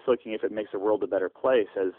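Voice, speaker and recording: A man's voice: lowish voice, fast, no room sound. A man being interviewed over a landline phone, a startup founder answering at length with frequent "uh" fillers and restarts. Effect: heard over a landline phone. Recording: tinny, dry landline phone line.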